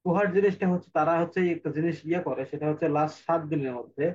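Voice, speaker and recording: Fast-talking man teaching over a call. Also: a little high, darkish tone, dull audio, a little hiss or hum. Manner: fast, rambling, thinking aloud. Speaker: online class instructor. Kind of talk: live screen-share class. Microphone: video call.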